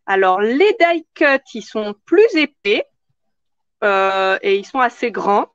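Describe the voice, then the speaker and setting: A woman's voice: medium pitch, lively intonation, slow pace, dry recording, lo-fi sound. A woman hosting a live craft tutorial in casual chat, answering viewer comments as she works.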